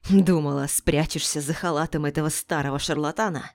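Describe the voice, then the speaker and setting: A woman's voice: low-pitched, steady tone, brisk, dry recording. A woman voicing a brutal, raging middle-aged man who roars and snarls threats.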